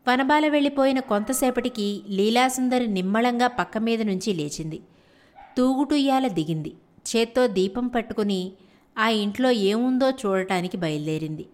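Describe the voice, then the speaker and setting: A woman storyteller reading a children's fairy tale aloud in a steady, unhurried way. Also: a little high.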